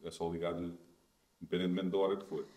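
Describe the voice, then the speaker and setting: A man in his twenties with a notably deep, low-pitched voice sits as a guest in a casual podcast conversation. He answers in a calm, soft-spoken, reflective way. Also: fast. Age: 20s.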